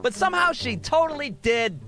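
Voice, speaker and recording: Male comic storyteller, high voice with big swings, crude and exaggerated delivery. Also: sing-song, normal speed, over music. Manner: crude, exaggerated, acts out dialogue. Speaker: comedic storyteller. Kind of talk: animated comic storytelling, profane and casual.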